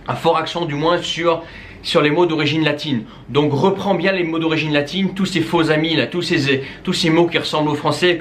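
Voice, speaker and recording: A man's voice: on the high side, fairly bright tone, slight background noise. A man from the Netherlands with Dutch as his first language, giving informal language-learning tips straight to the viewer, with many fillers and restarts. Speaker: language coach. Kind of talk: casual spoken tips to camera.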